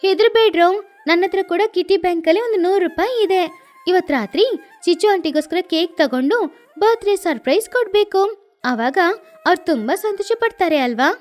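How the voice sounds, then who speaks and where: Cartoon girl bird, caring and upbeat, very high, squeaky, woman voices her. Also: lively intonation, normal speed, a little mellow, soft background music. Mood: eager, encouraging. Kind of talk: cartoon voice acting.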